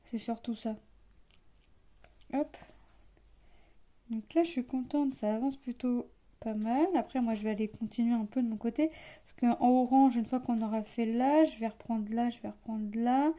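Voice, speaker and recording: Chatty mellow-voiced woman stitching. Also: a little high, fairly even intonation, normal speed, long pauses, lo-fi sound. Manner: rambling, chatty, many fillers and restarts. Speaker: cross-stitch vlogger, mother. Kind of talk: casual chat while stitching.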